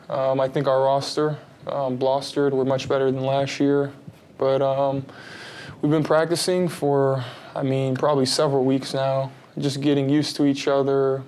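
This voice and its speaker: A relaxed man in his thirties who grew up in Texas talks through his answers in a casual interview. He rambles a little and keeps his voice level and even, with hardly any rise or fall. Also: medium pitch, smooth. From United States (Texas). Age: 30s. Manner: relaxed, rambling, many fillers and restarts. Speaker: basketball player, interview guest.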